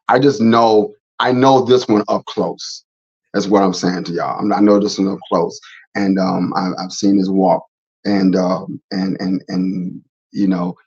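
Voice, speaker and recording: A middle-aged man with a low voice hosts a casual faith talk show. He rambles, repeats himself and restarts his sentences. The recording sounds slightly dull and lo-fi. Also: slightly rough. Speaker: host.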